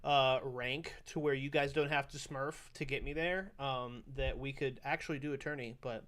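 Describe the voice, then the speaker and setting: A man's voice: mid-range voice, fairly even intonation, normal speed, fairly bright tone. A young man streaming, chatting casually in a loose, rambling way as he reacts to game news, swearing freely.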